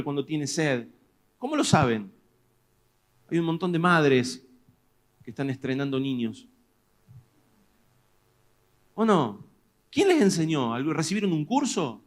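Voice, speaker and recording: A man with a Rioplatense Spanish accent preaches a sermon, his slightly high voice moving between quiet explanation and loud, rising questions to the congregation. He talks to them directly, with joking asides. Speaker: pastor.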